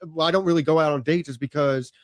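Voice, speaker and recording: A man's voice: a little high, steady tone, quick pace, dry recording. A man in his late thirties talking casually as a podcast guest, rambling with lots of "you know" and "like" and casual swearing. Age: late 30s. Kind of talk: casual conversation.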